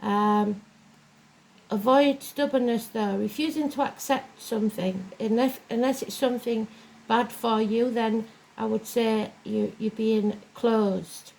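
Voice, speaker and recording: A woman's slightly high voice moves slowly with fairly even intonation and a darkish tone. She's a tarot and astrology reader hosting a weekly zodiac series, rambling through a plain-spoken horoscope reading on a low-quality recording where a fan whirs clearly in the background.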